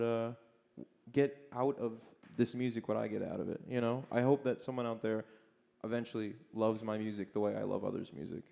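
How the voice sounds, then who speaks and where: Young male musician guest, twenties, relaxed and halting, low and gravelly. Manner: laid-back, laughing, halting with fillers. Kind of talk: casual interview chat. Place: livestream studio session.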